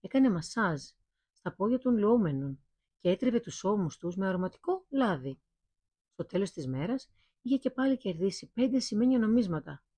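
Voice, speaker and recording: A woman reads a fairy tale aloud at a steady, even pace. Her voice is mellow and slightly husky. The recording is close and dry. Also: medium pitch, no echo. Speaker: storyteller.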